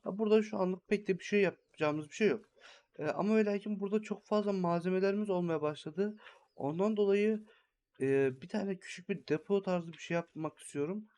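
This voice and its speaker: A man's voice: sits high, brisk, darkish tone. A young man hosting a gaming channel, giving rambling, think-aloud commentary while he builds in a farming game.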